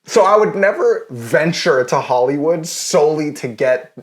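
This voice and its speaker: A man's voice: on the high side, animated, normal speed. A man co-hosting a podcast in casual chat, loose and joking, with lots of filler words. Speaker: podcast co-host.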